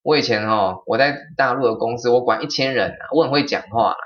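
A man's voice: mid-range voice, fairly bright tone, close to an everyday voice. A man imitating an irate, boastful elderly man who scolds and lectures. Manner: grumbling, lecturing, slow and indignant. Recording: slightly dull lo-fi sound.

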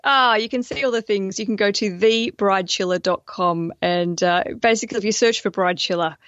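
An Australian woman chatting as a podcast guest, lively and quick to poke fun at herself. Her voice comes through a slightly dull, lo-fi remote line, dry with no room sound, at an ordinary middle pitch. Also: no room sound. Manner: chatty, lively, jokey and self-mocking. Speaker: guest, online business owner. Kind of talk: casual podcast conversation.

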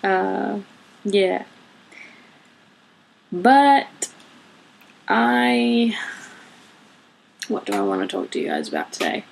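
A woman's voice: mid-range voice, very animated, drawn-out words, vocal fry, pauses often, rough recording. A woman in her late twenties hosting her own podcast, talking candidly in a rambling way, laughing and swearing now and then. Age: 20s. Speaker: podcast host. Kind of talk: casual solo monologue.

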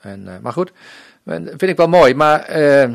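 A man's voice: on the high side, lively intonation, normal speed, creaky, no echo, studio quality. A man from the Netherlands, a missionary, telling his personal faith testimony in an interview. He speaks earnestly and often acts out remembered dialogue. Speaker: missionary guest.

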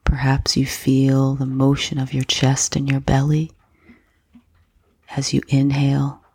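A woman guiding a slow breath-counting meditation in a soft, gentle, breathy voice with unhurried pauses. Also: a bass voice, completely flat delivery, no echo. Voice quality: soft, breathy, husky, often near whisper. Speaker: meditation guide.

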